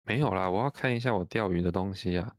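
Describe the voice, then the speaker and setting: A man's voice: sits low, quick pace, dry recording, clean studio sound. A man, co-hosting a podcast, mostly answering with brief acknowledgements and short questions. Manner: mostly brief backchannel replies. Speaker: podcast co-host. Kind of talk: casual chat.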